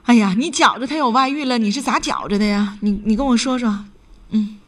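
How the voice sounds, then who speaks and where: A woman's voice: fairly high pitch, brisk, far from the mic. Blunt indignant radio host woman. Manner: blunt, indignant, scolding advice. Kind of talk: radio call-in advice.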